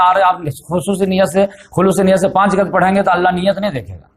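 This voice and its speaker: Man, religious lecturer, storytelling sermon, slightly high voice, emphatic, English words mixed in. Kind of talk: Urdu religious lecture on the Prophet's life.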